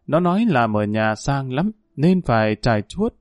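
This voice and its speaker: A man's voice: medium pitch, big pitch swings, normal speed, darkish tone, dry recording, studio quality, natural voice. A man voicing a poor, weary old man with a Northern Vietnamese accent, who talks in sighs and mournful tones. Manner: sighing, mournful talk.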